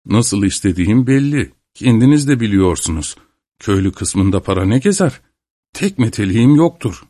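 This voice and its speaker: A man's voice: fairly low pitch, expressive, moderate pace, warm tone, no room sound, studio quality. A man reading aloud who plays an older peasant father, resentful and grumbling. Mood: pleading.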